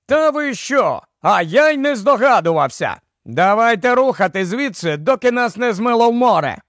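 A man voicing Barney, a brisk, take-charge male expedition leader, in an audiobook. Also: high-pitched, lively intonation, dry recording, studio quality. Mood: alarmed.

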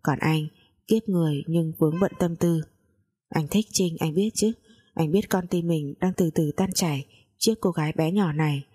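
A woman narrating a scripted story in a calm, measured reading. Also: low-pitched, breathy edge.

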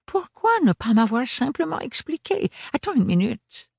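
A man voicing an excitable, eccentric male scholar and father who exclaims and slips English words into his speech. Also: very high-pitched, normal speed, vocal fry, breathy edge, no echo, clean studio sound, pitched above the performer's own voice, full character voice. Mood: astonished.

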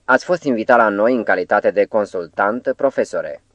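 A man voicing a cautious, uneasy middle-aged male editor in an audiobook, speaking in a measured, polite way. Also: fairly low pitch, no room sound, dull audio, close to an everyday voice. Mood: puzzled.

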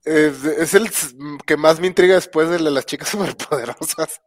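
A man's voice: on the high side, normal speed, no room sound, clean studio sound. A man from Mexico with a Mexican Spanish accent, co-hosting a casual chat and joking often. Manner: joking, laughs between remarks. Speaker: podcast co-host.

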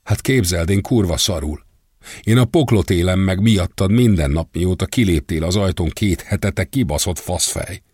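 A man voicing a betrayed woman, shouting and cursing bitterly down the phone. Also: deep voice, breathy edge, dry recording, clean studio sound. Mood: furious.

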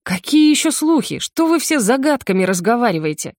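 A woman's voice: fairly high pitch, very animated, a little fast, darkish tone, dry recording, voice pushed up. Woman doing a tense young guy, short bossy lines. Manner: clipped, commanding. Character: tense, blunt young man, the hero.

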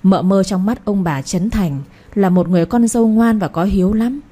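A woman narrating an audio story in an even storytelling manner. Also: medium pitch, moderate pace.

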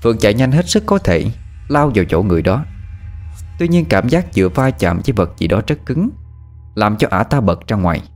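A man narrates a horror story at a steady, dramatic pace. His voice sits on the low side, and soft background music runs under the telling. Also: brisk.

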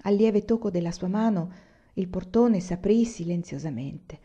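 A woman narrating a literary audiobook in a measured, expressive reading. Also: on the low side, breathy edge. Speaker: audiobook reader.

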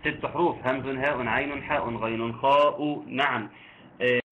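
A man's voice: medium pitch, steady tone. Egyptian man teaching recitation over a tinny line. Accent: Egyptian Arabic. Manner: quizzes listeners, then recites verses slowly and drawn out. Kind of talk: online tajweed lesson. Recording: tinny phone-like line with faint noise.

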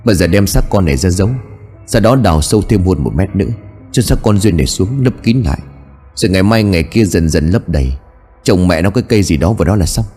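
A man's voice: low-pitched, expressive, quick pace, dark tone, husky, soft background music. A man voicing a domineering, scheming old father who curses and barks orders. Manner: barking orders, cursing.

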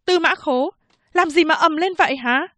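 A brisk female police officer, her voice lifted high and sharp as she demands answers, as the narrator puts her on. The storybook recording is dry and close. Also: no room sound. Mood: stern. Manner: brisk, scolding.

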